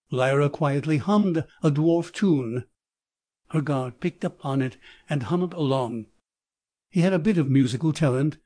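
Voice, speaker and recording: A man's synthetic text-to-speech voice reading scripted audiobook narration in an even, measured way. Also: on the high side, no echo, studio quality.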